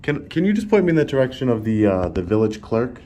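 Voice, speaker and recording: A man's voice: medium pitch, sing-song, fast talker, mellow, slight background noise. A talkative man recording public officials, making his case in casual, insistent conversation and often repeating himself. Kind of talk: casual confrontational chat.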